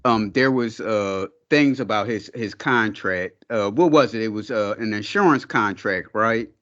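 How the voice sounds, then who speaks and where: A man's voice: lowish voice, unhurried, fairly bright tone, dull audio. A man co-hosting a podcast in casual chat, laughing often and using loose slang. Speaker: podcast co-host.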